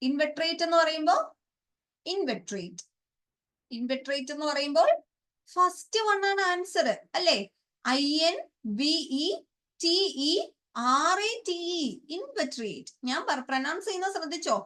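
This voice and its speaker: A woman with a Malayali accent teaching English grammar and vocabulary for an exam, often asking her students questions and slowly repeating and spelling out words. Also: high-pitched, pushed and bright.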